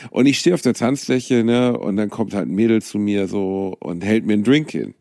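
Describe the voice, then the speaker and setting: A young man trades jokes on a comedic podcast and keeps the banter loose and playful. His voice carries a gravelly fry. The sound is dry and close to the mic, with no room around it. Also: fairly low pitch, moderate pace, a little mellow, dry recording. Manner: playful banter, jokey exaggeration. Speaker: podcast co-host. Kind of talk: casual comedic chat.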